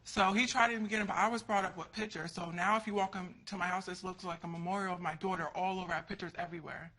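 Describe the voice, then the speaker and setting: A woman with a bright, forceful voice speaks as a litigant in a TV court. She complains bluntly and conversationally, acting out bits of past arguments as she goes. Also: on the low side, fairly even intonation, racing. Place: TV courtroom studio.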